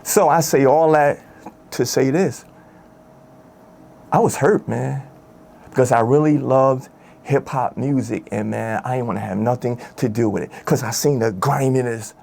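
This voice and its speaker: A man's voice: mid-range voice, measured pace, gravelly, a little mellow. A man telling his story in an interview, emotional and candid, full of street slang and asides like "my dude". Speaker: former rap group member telling his story.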